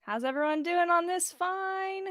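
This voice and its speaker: A podcast host, giggly and informal and swearing casually, chats and reads fan fiction aloud on a livestream. Her voice is very high-pitched, unhurried and fairly bright, recorded on a close mic with a pop filter and no room sound.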